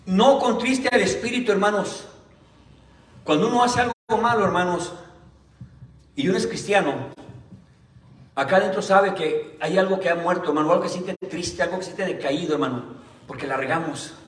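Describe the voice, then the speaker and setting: A male pastor preaching a Sunday sermon. He keeps calling the listeners "brother" and reads the scripture slowly and deliberately. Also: sits high. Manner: tells personal stories in a plain conversational way. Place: church hall. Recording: roomy church hall, mic at a distance.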